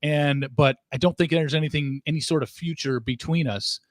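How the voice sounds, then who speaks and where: A man's voice: on the high side, fairly even intonation, moderate pace, no echo, studio quality. A man hosting a podcast interview, emphatically recapping events for his guest and voicing disbelief. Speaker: podcast host.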